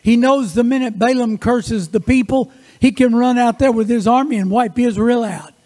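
A male preacher giving a sermon in church, telling Bible stories in a lively, folksy way with joking asides. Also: very high voice, moderate pace. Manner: animated, folksy storytelling with asides. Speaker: guest preacher.

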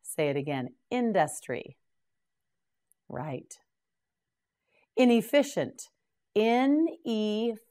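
A woman teaching English vocabulary, saying each word slowly and patiently prompting the learner to repeat it. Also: medium pitch, very animated, dark tone. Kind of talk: slow drilled word repetition.

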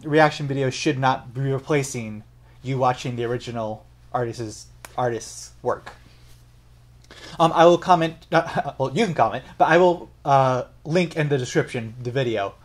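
A young man hosting a casual music reaction and analysis video, chatty and explaining at length while correcting himself as he goes. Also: mid-range voice. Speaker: music reaction channel host.

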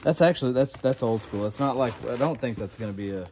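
Excited man unboxing finds. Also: medium pitch, fast, a little hiss or hum. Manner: excited, rambling, talks to viewers as y'all. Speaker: storage unit reseller host. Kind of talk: casual unboxing chat. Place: cluttered storage room full of boxes, indoors.

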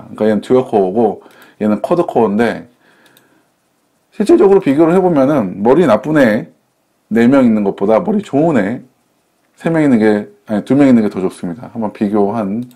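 Man, casual tech vlogger, warm mellow tone, chatty self-correcting explanations. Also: fairly low pitch. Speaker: tech reviewer. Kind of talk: casual product review.

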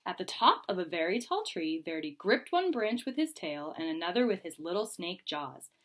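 A woman teacher reading a children's picture book aloud with an expressive, lively delivery. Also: lowish voice, normal speed. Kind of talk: storybook read-aloud.

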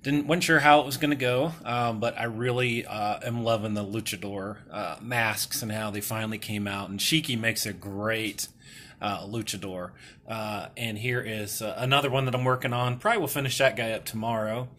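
A man's voice: lowish voice, fairly even intonation, normal speed, fairly bright tone. A man casually walking through his toy customizing work, rambling and hesitant with many fillers and restarts, a bit self-deprecating. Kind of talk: casual hobby vlog walkthrough.

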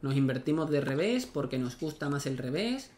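Here the streamer's voice is fairly high and sing-song, with a darkish tone and a moderate pace, over a slight hiss or hum. He's a young man casually narrating a tennis video game, thinking aloud and swearing at his misses.

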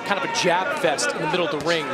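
A man's voice: on the high side, fairly even intonation, fast talker. A man giving live boxing commentary and scoring as an analyst. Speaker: boxing analyst and unofficial scorer. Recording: very loud arena crowd noise.

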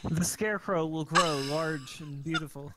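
A man's voice: on the high side, normal speed, very noisy, natural voice. A man putting on a stiff, formal voice as an odd being that claims to be a normal human while playing a game with friends. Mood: stiffly earnest. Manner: flat, formal, robotic phrasing. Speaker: game player. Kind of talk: let's-play banter.

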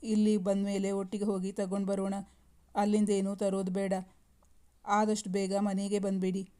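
A woman narrator voicing a tender young wife and mother who softly pleads with her husband. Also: mid-range voice, monotone, normal speed, smooth, lightly acted. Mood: pleading.

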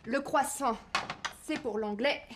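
A high-voiced woman in her thirties speaks as a fussy café owner in a scripted drama, her delivery slow and deliberate. She scolds and exclaims, with faint noise behind her. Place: café, indoors and on a terrace.

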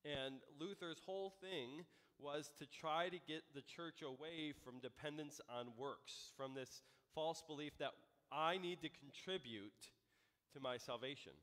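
A man's voice: on the high side, measured pace, fairly bright tone, in a large hall. An American man in his thirties, a pastor giving a conversational sermon with frequent ums and restarts. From United States. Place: church sanctuary.

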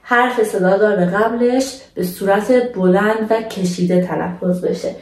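A young woman teaching a language lesson in a patient, casual way, slowing down to model words for her viewers. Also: mid-range voice, fairly even intonation, a little mellow, roomy sound, distant mic.

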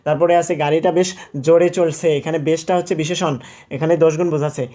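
Mellow-voiced man explaining exam answers. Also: fairly high pitch, steady tone. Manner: explains step by step, quizzes and answers himself, corrects slips with "sorry"; drawn-out example words, repeated aloud. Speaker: teacher. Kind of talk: exam question walkthrough.

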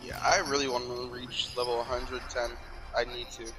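A British man chatting casually with a teammate while gaming, defending himself and getting excited. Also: mid-range voice, moderate pace, over music, rough recording.

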